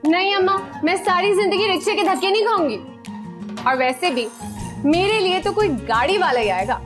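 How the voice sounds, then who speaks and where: A woman's voice: extremely high pitch, expressive, normal speed, over music. An actress playing a brash, teasing young woman who wants to marry a man with a car. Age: young adult. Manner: teasing, cheeky. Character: brash outgoing young woman wanting a car-owning groom. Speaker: lead character. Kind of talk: TV drama acting.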